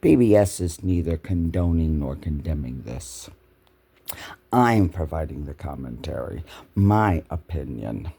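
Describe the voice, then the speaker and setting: Deep gravelly indignant man. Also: big pitch swings, a little slow, mellow. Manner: indignant, repeats phrases for emphasis. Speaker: political commentator. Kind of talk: angry running commentary over news clips.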